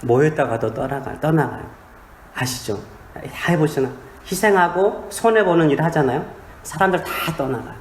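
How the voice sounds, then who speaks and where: Korean pastor preaching in an echoey church. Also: male voice, fairly high pitch, expressive, normal speed, a little hiss or hum. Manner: humorous, storytelling, asks the congregation questions. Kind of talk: sermon. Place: small church.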